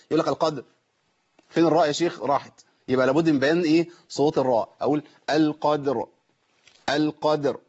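An Egyptian-accented man leads a recitation lesson, firing off rapid questions and answers about the rules and slipping into a slow chant for the verses. His fairly high voice has a slight huskiness. The sound is dull and lo-fi, like an older broadcast. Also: a little mellow, breathy edge. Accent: Egyptian Arabic. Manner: quick explanatory chatter with question-and-answer drills, slow melodic recitation. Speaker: Quran recitation teacher. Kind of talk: tajweed lesson on a call-in broadcast.

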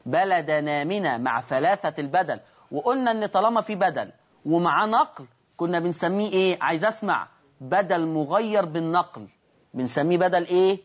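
A man with an Egyptian accent and a fairly high voice, teaching recitation rules on a broadcast lesson. He stretches the example words out slowly as he recites them, then asks his listeners questions and answers them himself. The sound is a bit dull and lo-fi. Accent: Egyptian Arabic.

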